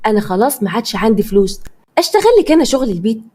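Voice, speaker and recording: A woman's voice: fairly high pitch, big pitch swings, racing, mellow, breathy edge. A woman doing an irritable Egyptian husband. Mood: angry. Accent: Egyptian Arabic. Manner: short-tempered, raises voice. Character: angry man, husband in money trouble.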